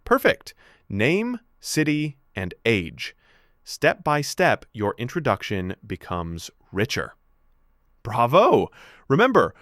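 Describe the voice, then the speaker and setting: A man's voice: mid-range voice, fairly bright tone, no echo, clean studio sound. A man teaching a beginner French lesson, encouraging and enunciating each word for students to repeat.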